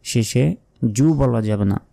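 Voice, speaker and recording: A man with a Bangladeshi Bengali accent is teaching how to pronounce the Quran. He runs briskly through each sound, then chants the words slowly with long-held vowels. His voice sits on the low side, mellow and level.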